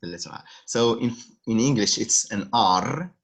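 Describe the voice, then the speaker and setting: A man from Morocco with a Moroccan accent tutoring French over a video call, patiently repeating words slowly. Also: mid-range voice, fairly bright tone, slightly rough. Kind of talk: online one-on-one language lesson.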